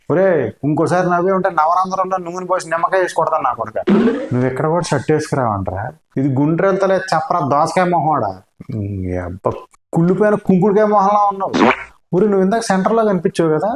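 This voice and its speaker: Young male VR streamer, fast insult comedy over a headset in an echoey, noisy room. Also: fairly high pitch. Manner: insulting, teasing and yelling at game characters. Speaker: VR gamer streamer. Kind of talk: comic game commentary. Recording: echoey room with loud noise.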